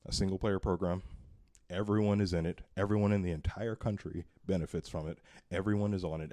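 A man's voice: low-pitched, dark tone. A man ranting heatedly about politics in casual chat, swearing often.

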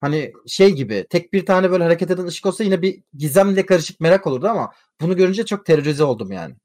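Fast-talking high-voiced man telling a story. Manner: animated storytelling, swears freely. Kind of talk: casual chat.

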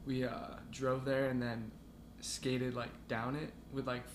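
A man's voice: mid-range voice, level tone, measured pace, crowd noise. A young man as a podcast guest, talking in a laid-back, rambling way full of fillers. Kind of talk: casual chat. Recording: echoey room with background noise.

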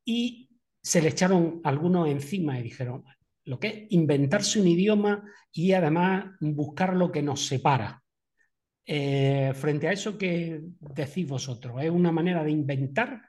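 A man interviewing a guest, asking long questions with many hesitant filler pauses. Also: on the high side, darkish tone.

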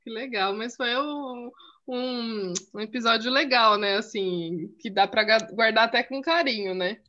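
Female co-host, lively storyteller, bright high voice, muffled lo-fi audio. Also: measured pace. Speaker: podcast co-host. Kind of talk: casual chat. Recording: dull lo-fi audio.

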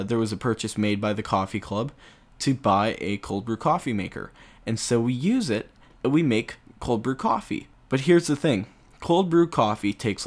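Young guy rambling on his solo podcast, chuckles a lot, lots of ums. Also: mid-range voice. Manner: rambling, chuckles often, lots of filler words. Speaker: podcast host. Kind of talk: casual solo podcast chat.

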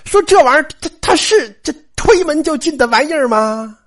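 Storyteller, chatty, addresses listeners, lively pitch. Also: fairly quick. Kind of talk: lively classic-novel storytelling.

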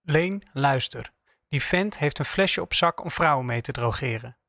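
A man voicing Max, a worried, blunt male friend who speaks softly. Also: mid-range voice, animated, measured pace, gravelly, dry recording, clean studio sound.

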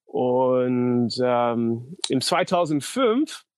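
A man's voice: mid-range voice, sing-song, darkish tone, no room sound. A man in his thirties from North Dakota speaks German as a second language with an American accent. He is a guest in a casual interview and keeps stopping to search for words. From North Dakota, USA. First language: English. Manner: halting non-native German, searching for words. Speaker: guest, pitching coach.

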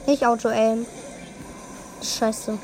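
A woman's voice: on the high side, level tone, extremely slow, a little mellow, slight background noise, rough recording. Bossy young woman commentating a game. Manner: teasing, bossy, calls out orders. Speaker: gaming video host. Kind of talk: casual gameplay commentary.

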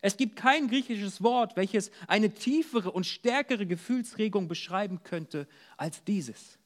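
A man preaching an earnest sermon at a church service, dropping soft and low for words of comfort. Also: expressive, slow. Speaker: pastor.

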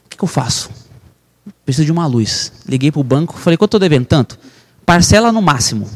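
A Brazilian real estate broker, appearing as a podcast guest, tells an emotional personal story with intense, fervent energy, calling the listener "irmão." His voice sits on the high side, with lively intonation, and he talks fast.

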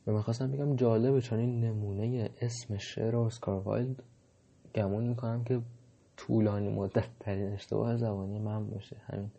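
A man's voice: fairly low pitch, level tone, creaky, warm tone, breathy edge, muffled recording. A man giving a casual, reflective monologue, hesitant and full of fillers. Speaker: monologue host.

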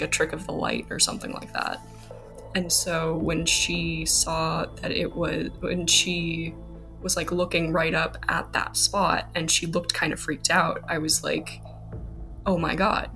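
A woman's voice: low voice, gravelly, sharp tone. A woman guest on a podcast, telling her story casually and hesitantly, with many fillers.

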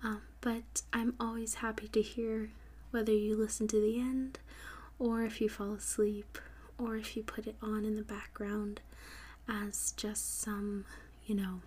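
A podcast host guides listeners toward sleep in a gentle ASMR whisper, her medium-pitched voice airy, breathy and level, with very little rise and fall. She moves slowly, carefully repeating words and spelling them out.

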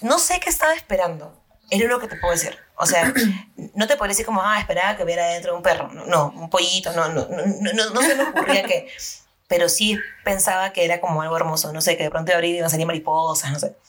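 A woman's voice: fairly low pitch, lively intonation, fast, fairly bright tone. A woman, telling a story in casual chat and swearing freely. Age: 30s.

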